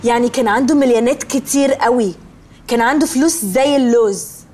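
A woman's voice: a little high, fast talker, darkish tone, natural voice. An actress with an Egyptian accent playing a spoiled, prim rich young woman who sprinkles English words into her speech. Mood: earnest. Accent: Egyptian Arabic. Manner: snippy and prim. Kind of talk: TV comedy series acting.

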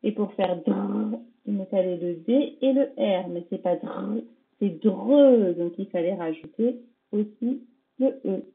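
A woman's voice: medium pitch, a little slow. A woman primary school teacher correcting a dictation for young pupils, patiently sounding out each word syllable by syllable and checking in with them. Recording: tinny phone-like audio.

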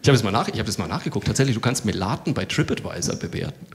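A man's voice: on the low side, sing-song, very fast, noisy background. A man doing stand-up comedy in German in front of a live audience, chatty and telling anecdotes. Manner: chatty, acts out others' voices in anecdotes. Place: theater stage before a live audience.

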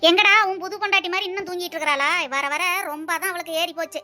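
A woman's voice: high voice, fairly even intonation, a little fast, bright, forceful tone, faint music behind. A woman voicing a bossy, demanding older mother-in-law in a cartoon, scolding and complaining about her diet. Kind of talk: cartoon voice acting.

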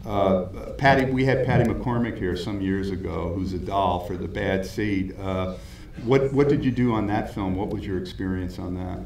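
Deep-voiced male stage interviewer. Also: moderate pace, gravelly, hardly any pauses. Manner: attentive, frequent murmured agreement. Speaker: host, interviewer. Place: theater stage before a live audience. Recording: echoey hall, distant mic, crowd.

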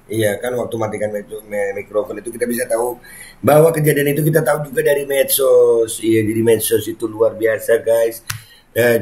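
A man's voice: mid-range voice, darkish tone. A man chatting casually as he reads viewer comments aloud and reacts to them with frequent exclamations.

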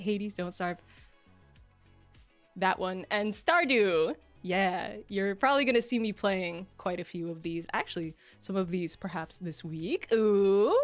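A woman streamer chatting casually on a livestream in a playful, giggly, self-deprecating way. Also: mid-range voice. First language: English. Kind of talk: casual livestream chat, debut introduction. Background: background music.

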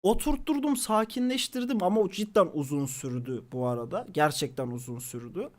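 A young man from Turkey, a streamer, casually telling stories to his chat, animated and swearing freely. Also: high voice, fairly quick.

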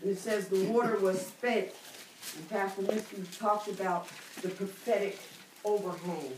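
In a church library room full of bookshelves, a middle-aged woman preaches through a Bible study, her medium-pitched voice keeping a fairly even intonation as she stretches key words and asks the room to respond. A distant camera with no mic picks her up, giving an echoey sound with background noise.

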